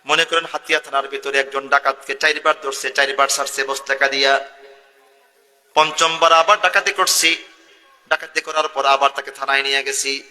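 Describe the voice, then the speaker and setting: A man's voice: flat delivery, moderate pace, bright, forceful tone. A male preacher giving a sermon to a live gathering. He calls on the crowd to answer and chants Arabic verses in a sing-song. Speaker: preacher (mufti). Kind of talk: Bengali Islamic sermon. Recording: long booming hall reverb.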